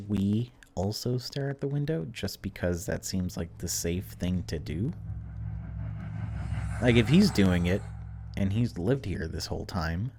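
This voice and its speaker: Hosting a casual let's play, a man reads the game's on-screen story text aloud and drops informal reactions between passages. His voice sits low, a little mellow, with a breathy edge.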